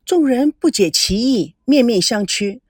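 A woman reads a romance novel aloud, her pitch lifting and falling with feeling. She sits a little high for a woman, close to the mic in a dry, dead room. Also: a little slow, no room sound. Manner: expressive, voices all characters. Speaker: audiobook reader. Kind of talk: audiobook narration of a romance novel.

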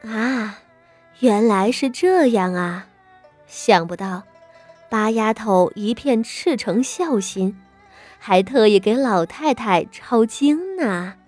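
A woman voicing a middle-aged noble aunt who smooths things over in a soft, placating tone. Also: a little high, animated, takes it slowly, faint music behind.

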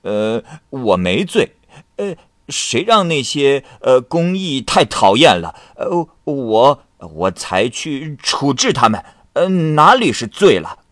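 A man voicing a drunk, boastful male scholar who shouts and slurs with stumbling fillers. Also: medium pitch, very animated, slow, no echo, studio quality, pitched above the performer's own voice. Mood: drunkenly insistent. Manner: shouting, slurring with hesitant fillers.

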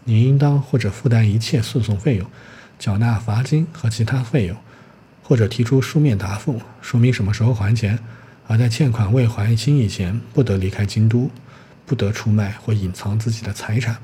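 A man's voice: lowish voice, moderate pace, mellow, slight background noise, natural voice. A man doing a smug, bureaucratic police clerk. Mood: official.

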